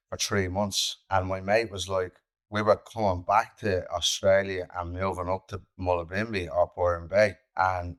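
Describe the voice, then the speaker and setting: An Irish man hosting a podcast, chatting casually and swearing freely as he shares his own stories. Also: sits low. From Ireland. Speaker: podcast host. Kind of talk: casual chat.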